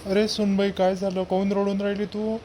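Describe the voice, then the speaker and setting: A man's voice: high-pitched, completely flat delivery, fairly quick, a little hiss or hum, close to an everyday voice. Man playing a kindly Varhadi father-in-law. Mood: concerned. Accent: Varhadi Marathi. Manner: soothing, gently lecturing. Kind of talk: village comedy skit.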